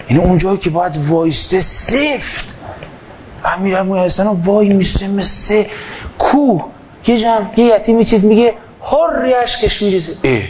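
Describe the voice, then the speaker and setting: High-voiced man preaching fervently. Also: slight background noise. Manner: swings between loud fervor and quiet asides, acting out dialogues. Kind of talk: impassioned sermon. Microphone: microphone.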